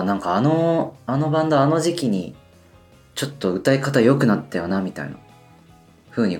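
A man in his twenties, a band member, rambling through a solo radio talk full of hesitant fillers while deliberately pushing his voice higher than usual. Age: 20s. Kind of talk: casual solo radio monologue.

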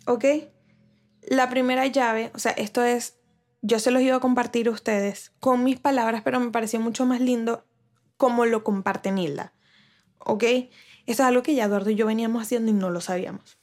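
A woman's voice: fairly high pitch, steady tone, moderate pace, pauses often, a little mellow. A woman vlogger talking casually to camera, giving relationship advice with rhetorical questions and frequent restarts. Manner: chatty, asks viewers rhetorical questions.

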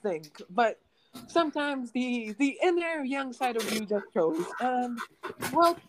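A woman's voice: fairly high pitch, lively intonation, takes it slowly, background noise. A nineteen-year-old woman chatting casually to her viewers, rambling with lots of ums and restarts. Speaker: gaming channel host.

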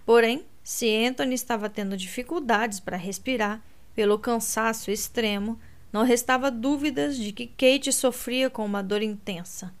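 A woman's voice: on the high side, normal speed. Woman narrating a romance audiobook.

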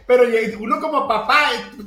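A man in his thirties with a high voice chats on a podcast. He spins lively, foul-mouthed stories about fatherhood and imitates the people in them. The room has a roomy echo, and soft music plays underneath. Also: normal speed. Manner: profane, animated storytelling, mimics voices. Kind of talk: casual podcast chat.

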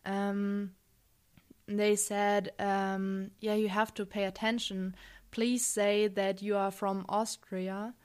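A woman's voice: mid-range voice, flat delivery, slow pace, a little mellow, clear, resonant tone. A young woman from Germany speaking English as a second language, answering interview questions hesitantly with many fillers. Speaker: interview guest. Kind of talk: casual interview.

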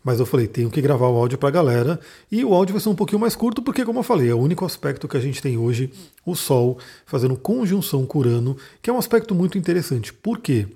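A man with a Brazilian accent and a tired, hoarse voice casually explains the day's astrology as host, often adding little tag questions. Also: fairly high pitch, very animated, quick pace, mellow. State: hoarse, voice worn out from talking all day. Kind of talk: casual spoken daily astrology reflection.

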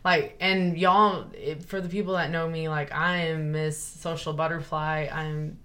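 A woman's voice: deep voice, level tone, unhurried, fairly bright tone. A young woman, talking earnestly and rambling with many fillers and restarts in a casual chat. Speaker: guest sharing her story.

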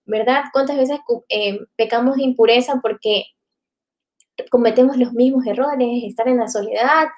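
A woman's voice: a little high, normal speed, darkish tone. A woman giving a reflective live faith talk to viewers, often tagging her sentences with "¿no?". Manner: reflective, many filler tags like "¿no?".

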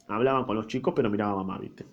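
A man's voice: fairly low pitch, racing. A man with a Rioplatense accent reading a book aloud and breaking in with casual, slangy comments, in a slightly dull lo-fi recording. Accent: Rioplatense Spanish. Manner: informal slangy asides.

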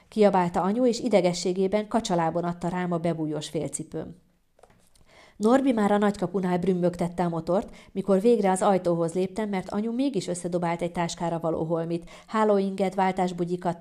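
Egy nő egyes szám első személyű hangoskönyvet olvas fel élénk, humoros mesélő stílusban. Hangja valamivel mélyebb az átlagnál. Tónusa sötét, lágy és meleg. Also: female voice, on the low side. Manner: lively, humorous storytelling. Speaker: narrator. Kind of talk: first-person audiobook narration.

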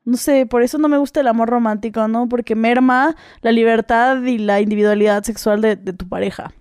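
A woman's voice: a little high, steady tone, fairly quick, darkish tone, no echo. A woman in casual podcast chat, frank and reflective, laughing often.

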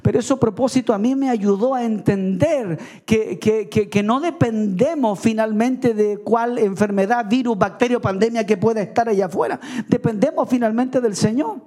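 Preaching man with a high, dark voice. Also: moderate pace, hardly any pauses. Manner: earnest testimony with asides and chuckles. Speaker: pastor. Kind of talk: sermon. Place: evening church service.

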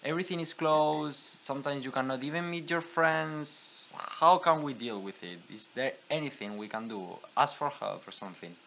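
A man hosts a casual podcast. His voice sits a little higher than most men's, and he talks conversationally. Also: normal speed, gravelly, hardly any pauses, a bit bright, slight background noise. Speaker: podcast host.

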